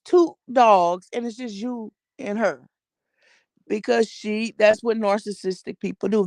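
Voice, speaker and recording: A vlogger, an American woman with a slightly high voice and vocal fry, dishes casual gossip about social media personalities. She's blunt and slangy, swears plenty, and repeats phrases for emphasis, all in a dry recording.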